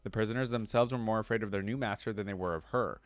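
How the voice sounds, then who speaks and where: Recorded dry, a man with a fairly low voice does a reaction video, switching between lore readings and casual musings, often stopping to explain.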